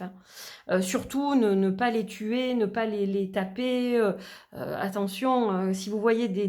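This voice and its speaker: A woman's voice: fairly high pitch, a little mellow. A middle-aged woman vlogging in a casual, chatty way, with many fillers and restarts, her voice a little worn. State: losing her voice. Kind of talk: casual chat.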